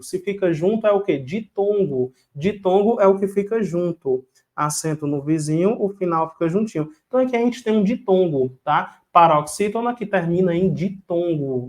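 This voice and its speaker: Man, high voice, online class teacher, repeats rules, asks the students questions. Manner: repetitive and drilling, asks the class questions, quizzes viewers, chants a rhyme. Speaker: online exam-prep teacher. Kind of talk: live online grammar lesson.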